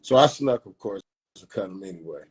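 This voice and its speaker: A man, telling stories casually in a slangy, animated way. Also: deep voice, a little fast, husky. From Peoria, Illinois, USA. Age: 50s. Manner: animated retelling with acted-out dialogue, slangy. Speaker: barber telling his story. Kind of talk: casual storytelling in an interview.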